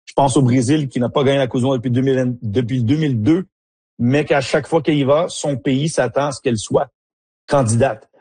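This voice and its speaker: A Haitian former player turned soccer analyst answers interview questions hesitantly, with many fillers and restarts. His medium-pitched voice is warm and slightly rough, delivered briskly in a dry recording.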